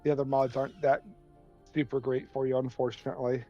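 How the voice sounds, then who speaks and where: Mid-pitched gamer thinking aloud about loot. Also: level tone, fast talker, dark tone, dull audio, soft background music. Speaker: co-op gaming partner. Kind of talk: casual gaming chat.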